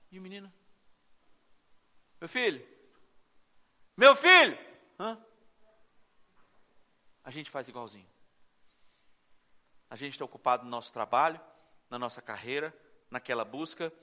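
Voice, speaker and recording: Animated Brazilian pastor in a reverberant church. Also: male voice, mid-range voice, moderate pace, long pauses. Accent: Brazilian Portuguese. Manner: animated preaching, acts out short dialogues. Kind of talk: sermon. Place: church sanctuary.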